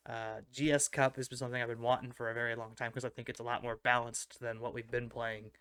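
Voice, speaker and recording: A man co-hosting a casual gaming podcast, explaining strategy at length in a relaxed way with plenty of fillers. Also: mid-range voice, quick pace, clear, resonant tone, no echo. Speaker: podcast co-host.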